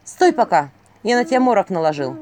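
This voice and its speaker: A sly shapeshifting owl disguised as a maiden, voiced by a woman narrator. It speaks in a high, sugary, mocking voice that leaps about, full of mischief. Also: very animated, unhurried, darkish tone.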